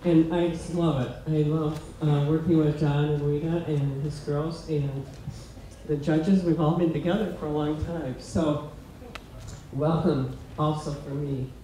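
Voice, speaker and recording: A woman's voice: low-pitched, steady tone, unhurried, dark tone. American woman in a very echoey space. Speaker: event volunteer introducing herself. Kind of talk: informal public self-introduction. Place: event tent with seated audience. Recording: very echoey tent, faint noise.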